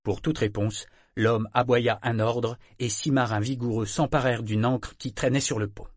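A man narrating an adventure novel in measured storytelling. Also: mid-range voice, fairly even intonation, dry recording, clean studio sound. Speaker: audiobook narrator. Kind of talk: scripted narration.

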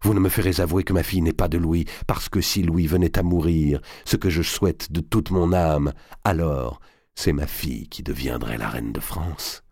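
A man's voice: a bass voice, moderate pace, darkish tone, breathy edge, dry recording, clean studio sound, exaggerated voice. A man voicing a proud, scornful young queen in an audiobook, her lines cutting and defiant, rising to cries. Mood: cold resolve. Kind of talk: audiobook character voice.

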